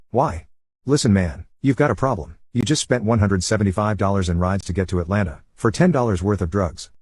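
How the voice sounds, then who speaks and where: A man reading a first-person story aloud as a scripted narration, with a brisk and steady delivery. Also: fairly low pitch, breathy edge, no room sound.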